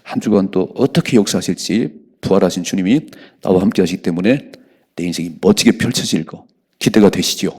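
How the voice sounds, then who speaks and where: A man's voice: sits low, a little fast, darkish tone, slightly rough. A man preaching an early-morning sermon as a pastor in a church, exhorting the congregation and calling for amens. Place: church sanctuary.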